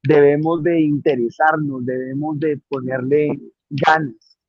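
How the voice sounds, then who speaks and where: A man's voice: a little high, steady tone, unhurried, no room sound, highs cut off. A man preaching a homily on the day's readings, earnest and repeating key phrases for emphasis.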